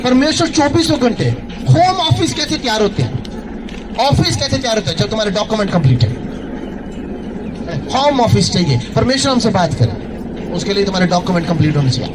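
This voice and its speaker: A male pastor preaching a sermon, asking the congregation questions and calling out hallelujah and thank you Jesus. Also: sits high. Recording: loud background noise.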